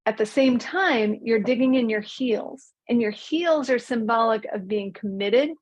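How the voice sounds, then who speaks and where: A woman teaching an online mindfulness class, speaking calmly and drawing out key words slowly. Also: a little high, highs cut off. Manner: calm, slows and stretches key words. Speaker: mindfulness coach.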